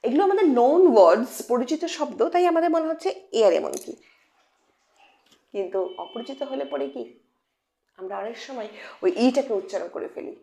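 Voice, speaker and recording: Lively woman teaching phonics to kids. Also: a little high, fairly quick, gravelly, pauses often. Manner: animated, questioning teacher voice addressing kids. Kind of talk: children's lesson.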